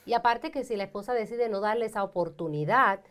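A woman's voice: mid-range voice, fast. A woman hosting a studio advice talk show, affirming her guest and adding supportive points. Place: studio set in armchair.

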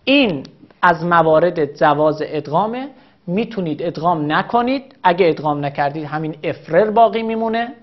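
A woman teaching a recorded grammar lesson, explaining patiently and repeating each example slowly. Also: on the low side, lively intonation, lo-fi sound.

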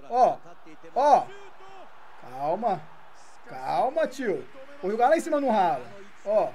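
A Brazilian woman streaming a football video game, commenting live in an excitable, taunting way and swearing often. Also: fairly high pitch. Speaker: gaming streamer.

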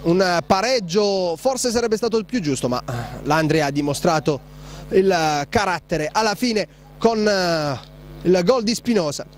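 A man giving breathless, excitable live play-by-play commentary on a futsal match. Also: sits high, measured pace, a little hiss or hum. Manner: breathless, excitable, shouting on goals.

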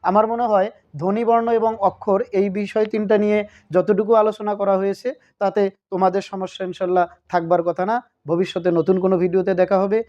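A man's voice: sits high, flat delivery, quick pace, mellow. A man from Bangladesh teaching a grammar lesson, who keeps asking questions and answering them himself. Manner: asks questions and answers them himself, repeats key points. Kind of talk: recorded video lesson. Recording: dull lo-fi recording.

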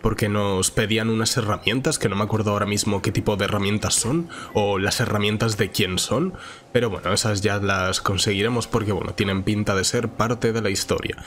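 A gaming channel host with a nasal, congested voice and a sore throat from a cold gives informal, chatty Let's Play commentary, thinking aloud over game music. His voice is on the low side with fairly even intonation, a little fast and fairly bright, with a little hiss or hum.

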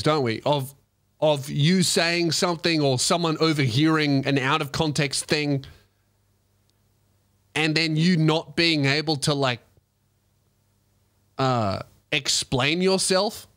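A young man, a comedian host, telling a profane, self-mocking comedy story with animated delivery. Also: on the high side.

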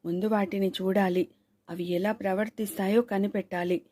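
A woman's voice: mid-range voice, steady tone, normal speed, warm tone, natural voice. A woman reading the lines of a cautious, uneasy learned man who scolds his companion in anxious tones in a storybook thriller.

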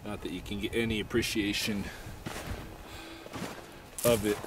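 Out in an open field after dark, a middle-aged vlogger on a night hike holds his camera near his face and muses out loud. His lowish voice keeps fairly even intonation, unhurried and halting, with long reflective pauses, while heavy wind makes the recording noisy.

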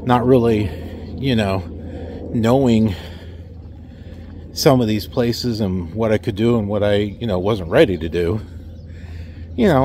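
A man's voice: lowish voice, darkish tone, slight background noise. A middle-aged man talking casually into a phone held at arm's length in an outdoor parking lot, wry and full of rhetorical questions as he recounts his trucking job. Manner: wry, rhetorical questions, mocks company replies. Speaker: truck driver vlogger. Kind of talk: casual talk to camera.

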